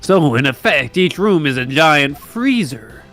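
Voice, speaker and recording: A man voicing a dry, sarcastic young male investigator in an improvised comedic fan dub, deadpan and teasing. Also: on the high side, measured pace, faint music behind, heavily acted.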